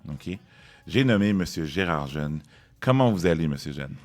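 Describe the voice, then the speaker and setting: Deep-voiced radio host man. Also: animated, moderate pace, a little mellow. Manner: emphatic, conversational questioning. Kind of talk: radio interview hosting.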